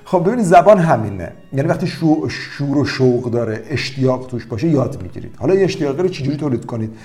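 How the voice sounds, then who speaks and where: A man teaching languages, talking in an animated, storytelling way to his viewers. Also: medium pitch. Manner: animated, lively storytelling with quoted voices. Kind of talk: promotional language-learning talk.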